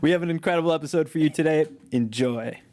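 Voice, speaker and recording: A man's voice: on the high side, quick pace, a little mellow. A man co-hosting a podcast, playful and jokey in casual chat. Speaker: podcast co-host.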